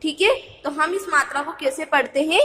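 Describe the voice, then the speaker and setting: A high-pitched woman teacher leads young pupils through letter sounds, repeating each one slowly in a patient, sing-song drill and referring to herself as ma'am. Her voice carries a noticeable reverb from the room. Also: sharp tone. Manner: speaks of herself as ma'am in third person. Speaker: primary school teacher. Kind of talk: Hindi phonics lesson for young children.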